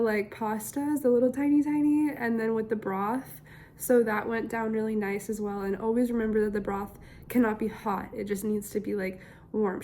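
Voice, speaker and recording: A young woman giving a casual video diary update in a slightly raspy voice, a little strained as she recovers. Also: on the high side, a little mellow. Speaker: vlogger.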